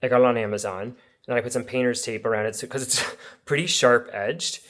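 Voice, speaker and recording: A man's voice: mid-range voice, fast, fairly bright tone. A man vlogging about his home makeover, explaining things in a casual, chatty way with informal asides to viewers.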